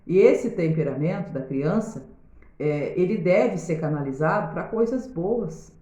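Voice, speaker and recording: A woman's voice: fairly low pitch, animated, a little slow, dark tone. Brazilian woman giving parenting advice. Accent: Brazilian Portuguese. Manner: addresses viewers directly, often checking with "tá?". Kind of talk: casual advice video. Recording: roomy, slightly dull sound.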